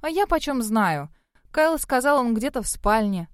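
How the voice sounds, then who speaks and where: A woman reader voicing a flustered, sharp-tongued young heroine who snaps back quickly and defensively. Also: a little high, sing-song, dry recording, clean studio sound. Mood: anxious. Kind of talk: audiobook character voice.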